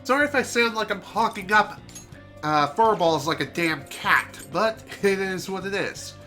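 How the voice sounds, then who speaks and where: This streamer's voice is high-pitched and bright with a forceful edge, lively in intonation but a little slow. Nasal and congested, he chats through his video game in a relaxed let's-play manner over game music, adding self-deprecating asides.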